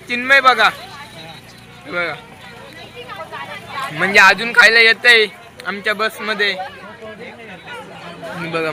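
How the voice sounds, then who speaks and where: A young man chats his way through a vlog from inside a bus. His voice sits fairly high, and he keeps telling viewers to look at things around him. The phone recording picks up the chatter of a crowded bus behind him. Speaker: vlogger. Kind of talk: casual vlog narration. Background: chattering passengers on the bus.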